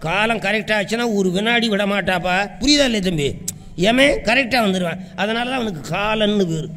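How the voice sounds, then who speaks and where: A man's voice: sits high, fairly quick, a bit bright. A man giving a devotional sermon, who keeps asking his audience whether they understand and repeats his phrases for emphasis. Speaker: devotional speaker and astrologer. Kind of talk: devotional sermon with chanted verse. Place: hall with a live audience. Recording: echoey hall with long reverb.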